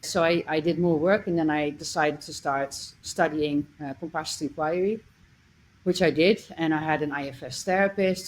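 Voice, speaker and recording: A woman's voice: low voice, slight background noise, poor audio. Middle-aged woman, earnest. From Netherlands. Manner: earnest, listing experiences with small restarts. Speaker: coach, guest. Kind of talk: reflective conversational storytelling.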